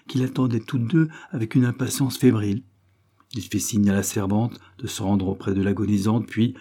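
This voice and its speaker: A man reading a novel aloud as an audiobook narrator, with an expressive, emotive delivery. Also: lowish voice, husky. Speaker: audiobook reader.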